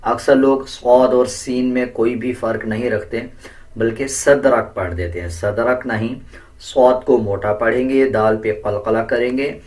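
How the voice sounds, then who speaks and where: A man teaching Quran recitation step by step in a patient, deliberate way, correcting common mistakes. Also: mid-range voice, flat delivery, a little mellow, recorded from a distance. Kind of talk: step-by-step pronunciation lesson.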